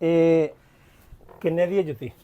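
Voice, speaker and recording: High-voiced man, bossy. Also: fairly even intonation, unhurried, warm tone, lo-fi sound. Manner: bossy, insistent arguing. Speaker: vlogger playing the trickster. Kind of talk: scripted comedy skit.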